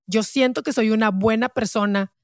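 Gravelly high-voiced woman host, dry sound. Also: normal speed, dry recording. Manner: emotional, code-switches into English, swears. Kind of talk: casual podcast conversation.

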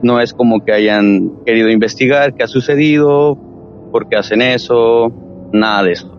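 A man's voice: medium pitch, normal speed, highs cut off, a little hiss or hum. Man telling a spooky family story. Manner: animated retelling with quoted voices. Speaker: guest telling a true paranormal story. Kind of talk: casual storytelling.

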